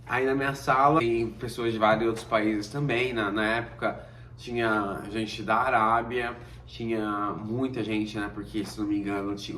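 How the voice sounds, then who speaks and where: A man's voice: lowish voice, far from the mic. A Brazilian man in his thirties, a vlogger casually telling a personal story and acting out the dialogue. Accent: Brazilian Portuguese. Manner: lively, acts out dialogue in quotes. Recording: roomy echo, away from mic, faint noise.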